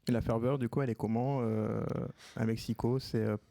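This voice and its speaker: Host, man, gravelly mellow voice, relaxed filler-heavy chat. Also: medium pitch, a little fast, a little hiss or hum. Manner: relaxed, laughs often, many fillers. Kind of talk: casual chat on a livestream.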